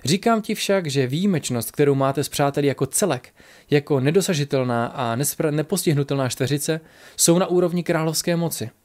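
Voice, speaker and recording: A man doing a calm wise sage. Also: a little high, close to an everyday voice. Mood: counselling. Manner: calm, instructive. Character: wise male sage counselling heroes.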